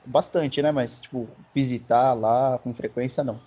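A man's voice: medium pitch, steady tone, normal speed, dark tone, breathy edge. A man with a Brazilian accent, a guest on a casual podcast, telling a story in a rambling way and tripping over his words. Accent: Brazilian Portuguese.

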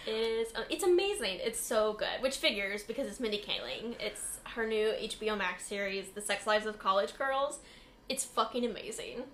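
Young woman chatting casually, gushy and sweary, bit high voice, roomy echo w some noise behind. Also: expressive, normal speed, fairly bright tone. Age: young adult. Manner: effusive, sweary. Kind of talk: casual chat.

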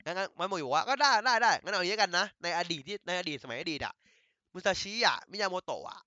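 Excitable Thai-speaking man, bright and lively. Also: high voice, quick pace, no echo, muffled recording. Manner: excitable, laughing, crude slang, many restarts. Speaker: anime recap host. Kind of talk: casual retelling of an anime episode.

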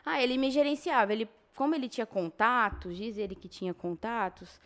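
A woman's voice: a little high, a little fast. A young adult woman with a Brazilian Portuguese accent, telling her story casually as an interview guest, in slangy speech that acts out past dialogue.

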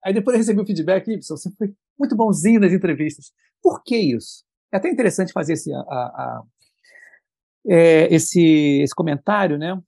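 A man telling work stories in a lively, colloquial way with lots of slang. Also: sits high, moderate pace, creaky, slightly rough, no echo, studio quality. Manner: lively, colloquial, animated storytelling. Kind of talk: casual conversation.

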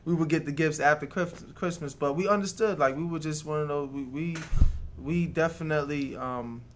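A man's voice: a little high, moderate pace, a little hiss or hum. Reflective man from Jamaica. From Jamaica, raised in New York City. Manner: reflective, lots of "you know". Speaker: restaurant co-founder, guest. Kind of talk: casual interview chat.

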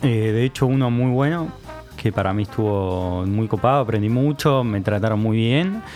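A young man with a Rioplatense accent, a podcast guest telling an animated story in casual chat and acting out the people he quotes. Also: lowish voice, normal speed, soft background music. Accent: Rioplatense Spanish.

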